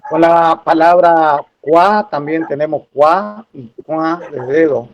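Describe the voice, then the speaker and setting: Slow-talking male student, dull audio. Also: a little high. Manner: slow, thoughtful, offers examples.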